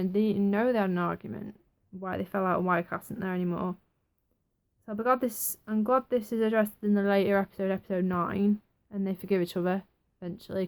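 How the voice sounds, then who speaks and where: A young woman giving a chatty, excitable casual review of a TV episode. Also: medium pitch. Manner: chatty, excitable, acts out quotes.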